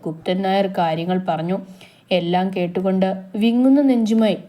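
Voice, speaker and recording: A woman reads a romance story aloud as a storyteller. Her narration is steady and even. Her voice is mellow and warm. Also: medium pitch, normal speed.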